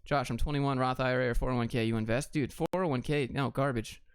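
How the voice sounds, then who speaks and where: This livestream host, an American from Atlanta, Georgia, answers viewer questions in casual chat with blunt, clipped, offhand replies. He speaks quickly in a mid-range voice that stays steady, clear and resonant. The sound is clean and dry, with no echo.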